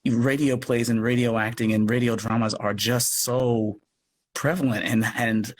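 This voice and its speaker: Speaking at medium pitch with a steady tone, this American man talks a little slowly. He is being interviewed on a live social media video call as an audio drama producer and actor, and he rambles in a self-deprecating way. The audio is noisy, as live video calls often are.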